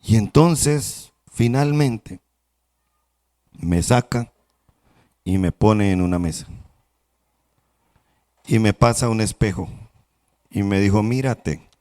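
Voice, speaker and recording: A male pastor delivering a sermon, telling a parable in a slow, measured, dramatic way. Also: on the low side, a little mellow. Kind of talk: sermon storytelling. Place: church.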